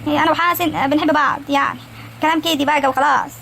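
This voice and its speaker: A woman's voice: high voice, steady tone, rapid-fire, gravelly, pushed and bright, slight background noise, full character voice. A woman with an Egyptian accent voicing a shy, frightened young village girl in a cartoon, hesitant and pleading. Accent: Egyptian Arabic. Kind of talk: animated cartoon acting.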